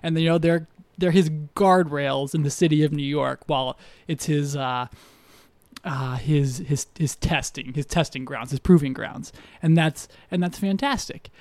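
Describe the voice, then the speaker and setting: A man's voice: on the high side, fairly even intonation, measured pace, a little mellow, no room sound. A man co-hosting a film podcast, talking loosely with fillers and restarts as he gives his views. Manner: rambling, hesitant, many fillers and restarts. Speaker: podcast co-host. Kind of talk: casual podcast chat.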